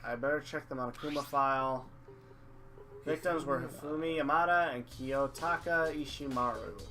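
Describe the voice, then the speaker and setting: A man's voice: mid-range voice, normal speed, music in the background. A man hosting a let's play, reading game text aloud and adding casual commentary.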